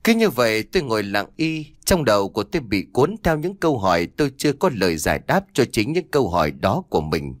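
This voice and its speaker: Expressive male audiobook narrator. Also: on the low side, quick pace, few pauses, dry recording, clean studio sound. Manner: expressive storytelling. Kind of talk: first-person audiobook narration.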